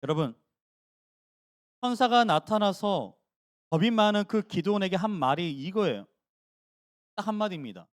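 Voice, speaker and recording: A man's voice: high-pitched, normal speed, long pauses, dry recording, clean studio sound. A man preaching a sermon as pastor, asking the congregation questions and acting out the voices of biblical figures. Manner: animated preacher acting out voices of Gideon and God. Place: church sanctuary.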